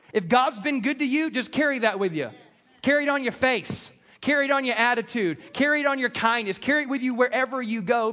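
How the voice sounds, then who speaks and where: An American man preaching a conversational sermon in a folksy, self-deprecating, animated way, repeating phrases for emphasis. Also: extremely high pitch. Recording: reverberant large hall with PA.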